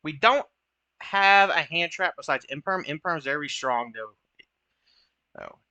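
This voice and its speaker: A man's voice: on the high side, expressive, takes it slowly, sharp tone, clear, resonant tone, no room sound, dull audio. A young man giving casual, chatty commentary over his own card game matches, joking at his own misplays. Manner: chatty, self-deprecating, occasional swearing.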